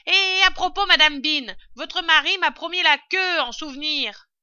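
A big serving woman grumbles loudly in a high, bright voice, as a woman acts her out. She sounds eager to please her mistress. The recording is dry. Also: fairly even intonation, moderate pace, dry recording. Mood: grumbling. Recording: dull lo-fi recording.

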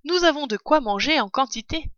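A woman's voice: high-pitched, animated, fairly quick, a bit bright, no echo, pitched above the performer's own voice. A woman voicing a sly, confident male fox, a father who leads the others. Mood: pleased. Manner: smooth, commanding. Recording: dull, dry recording.

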